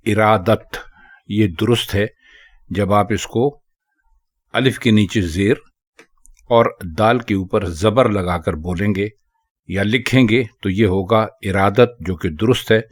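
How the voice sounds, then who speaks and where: Low-voiced man teaching Urdu pronunciation. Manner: slow and careful, repeating each word. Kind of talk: explaining pronunciation and spelling.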